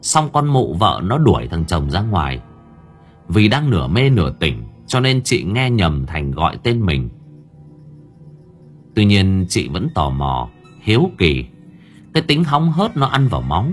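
A man narrating a story with lively, expressive storytelling. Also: deep voice, a little slow, faint music behind. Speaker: audiobook narrator.

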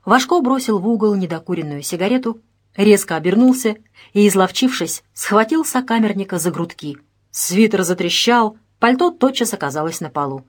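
A woman narrating a detective audiobook in a measured, expressive reading. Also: mid-range voice. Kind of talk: scripted narration.

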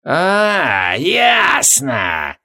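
Gravelly, rude possessing sorceress read by a man, bored and cutting, audiobook villain. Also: on the high side, huge pitch swings, drawn-out words, sharp tone, full character voice. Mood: recognizing.

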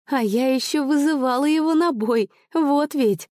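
A woman voicing a lively, teasing young woman in an audiobook reading. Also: high-pitched, moderate pace, no room sound, clean studio sound, pitched above the performer's own voice, lightly acted.

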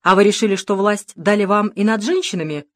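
A woman voicing a calm, sarcastic middle-aged male detective in an audiobook, speaking in a cool, mocking, unhurried way. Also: mid-range voice, pitched above the performer's own voice, natural voice. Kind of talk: audiobook character reading.

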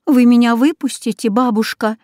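Woman playing a frightened little girl, high pleading voice, tearful, slow, storybook. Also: mellow, dry recording, studio quality. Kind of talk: storybook reading.

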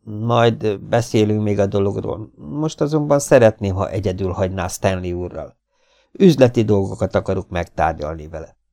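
A man's voice: on the low side, warm tone, dry recording, clean studio sound, close to an everyday voice. A man voicing a desperate, shaken old male farmer in an audiobook, with a trembling, agitated delivery. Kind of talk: audiobook character voice.

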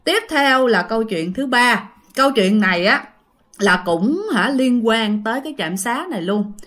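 A woman's voice: on the high side, fairly bright tone. A woman with a Southern Vietnamese accent telling a ghost story casually, chatting directly to her listeners.

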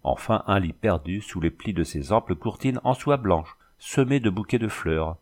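A man reading a classic novel aloud in a measured, expressive narration. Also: low-pitched. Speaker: audiobook reader.

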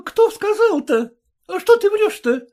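Mocking young peasant woman, high voice, played by a man; storybook role. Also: sing-song, measured pace, darkish tone, full character voice. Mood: teasing.

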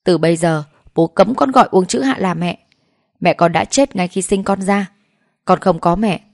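A woman's voice: lowish voice, normal speed, creaky, darkish tone, no room sound, studio quality. A woman reading the lines of a cruel, commanding young husband in a storybook narration, speaking in a harsh, clipped way. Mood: cold commanding.

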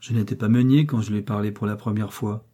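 Gentle, firm young miller, dark husky voice, read by a man. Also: lowish voice, steady tone, quick pace. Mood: calm, firm. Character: calm determined young miller son.

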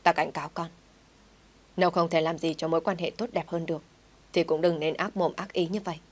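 A woman's voice: deep voice, steady tone, a little fast, a little mellow. A woman voicing a stern, commanding older father who scolds his family in an audio story.

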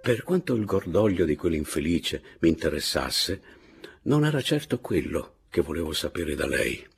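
Lettura di narrativa da parte di un uomo dalla voce profonda e roca. Racconta con calma e partecipazione, con un timbro graffiante e poco limpido. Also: male voice, deep voice, creaky, slightly rough, faint music behind. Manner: measured, expressive storytelling. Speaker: audiobook narrator. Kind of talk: literary audiobook narration.

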